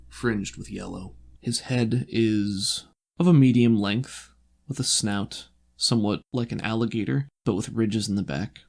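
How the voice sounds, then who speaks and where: Narrating as the game master of a tabletop game, a man tells the story in a measured, descriptive way. His voice is fairly low and gravelly.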